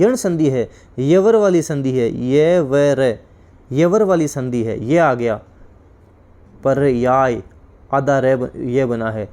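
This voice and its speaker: Repetitive quizzing male teacher. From India. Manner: explanatory, repeats and quizzes students with questions; drops to a low, quiet voice on each corrected word. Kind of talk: recorded exam-prep class.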